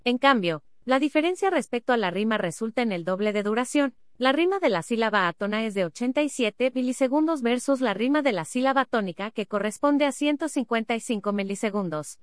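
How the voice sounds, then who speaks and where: A woman reading an academic paper aloud in a steady, measured way, reading symbols and figure captions out literally. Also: a little high, dry recording, clean studio sound.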